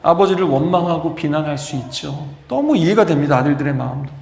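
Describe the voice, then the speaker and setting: A man's voice: a little high, animated, quick pace, creaky, a little mellow. A male pastor delivering an emphatic storytelling sermon, acting out quoted lines as he goes. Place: church sanctuary. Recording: echoey church hall with long reverb.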